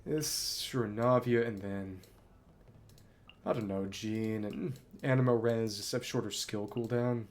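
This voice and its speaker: Over background music, a game streamer analyzes his tactics out loud to himself as he plays live. He speaks slowly, in a lowish voice.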